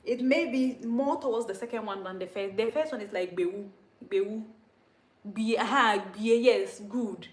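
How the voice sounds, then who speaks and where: A woman's voice: fairly high pitch, reverberant. Chatty woman teaching words. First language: Dagaare. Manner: chatty, self-teasing, repeats words slowly, laughs often. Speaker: language teacher on a livestream. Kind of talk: casual spoken language lesson.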